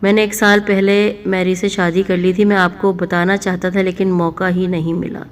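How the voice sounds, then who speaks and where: A woman's voice: lowish voice, flat delivery, close to an everyday voice. A woman voicing an angry young man, a hot-tempered elder brother in a spoken story, with tense, clipped speech. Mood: apologetic.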